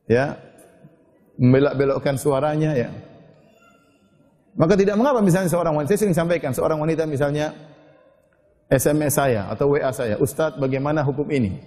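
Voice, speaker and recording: A man preaching a sermon earnestly, addressing the women listening directly and reciting Arabic verses slowly. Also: on the high side, dark tone, big-room sound. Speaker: Islamic preacher.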